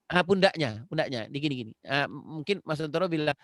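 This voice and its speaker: A man's voice: on the high side, animated, fast, a bit bright, no room sound, studio quality. Earnest man lecturing on a video call. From Indonesia. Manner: earnest, repeats phrases, addresses listener directly. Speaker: parenting webinar speaker. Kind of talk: conversational lecture.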